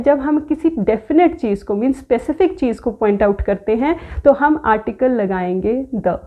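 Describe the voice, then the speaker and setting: A woman with an Indian accent teaching English pronunciation in a Hindi-English mix, slowing down to say the example words. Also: high-pitched. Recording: tinny phone-like audio.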